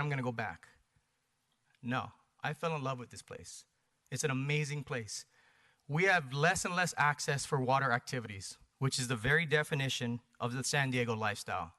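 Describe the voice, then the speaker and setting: Medium-pitched, pushed and bright, a presenter from Hawaii with an American accent makes a persuasive pitch for the paddling community at a planning commission meeting. He's emphatic, favoring brief punchy phrases and rhetorical questions.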